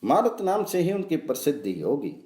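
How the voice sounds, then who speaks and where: A devout, imploring mother goddess of scripture speaks with earnest pleading, as a man reads her lines. The voice swings through a wide, lively pitch range on a mellow, warm tone. A roomy echo surrounds it. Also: moderate pace.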